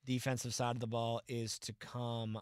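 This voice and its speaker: A man in a casual sports podcast chat, talking with animated, opinionated energy. His pitch sits in an ordinary middle range. The sound is close and dry, with no room around it. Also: clear, resonant tone, dry recording. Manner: animated, opinionated, quick asides and mock quotes. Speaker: podcast co-host.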